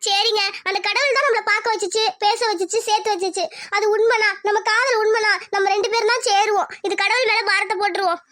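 A performer voicing a spirited young village woman in a cartoon, sharp with a pest and tender with her lover. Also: very high voice, fairly even intonation, fast talker. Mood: sorrowful. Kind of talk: cartoon voice acting.

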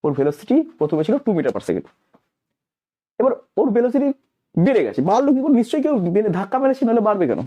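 A man's voice: sits high, very animated, quick pace, mellow, highs cut off. A male physics teacher, lecturing emphatically and answering his own questions as he explains. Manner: mixes English terms into explanations.

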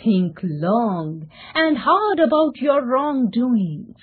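A woman's voice: fairly high pitch, very animated, very slow, husky, heavily acted. A woman voicing a grave inner voice of conscience that questions a young man sternly. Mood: calm. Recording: tinny phone-like sound.

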